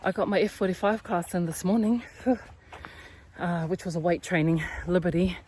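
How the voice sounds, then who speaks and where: Speaking at a moderate pace in a dark, low-leaning voice, this young woman chats through a casual hiking vlog while recording on her phone mid-walk. A cold leaves her chesty, and she sighs and pants as she climbs. A little hiss or hum sits under the audio.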